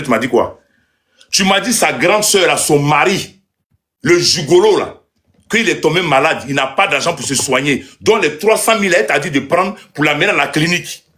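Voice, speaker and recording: A man's voice: medium pitch, fairly bright tone. A man, ranting angrily and hurling insults in a heated live monologue. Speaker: landlord ranting on a live stream.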